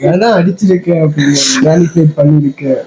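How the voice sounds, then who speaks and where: A speaker who shares opinions in casual chat, halting and repeating words. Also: mid-range voice, warm tone, low-quality recording. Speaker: podcast co-host.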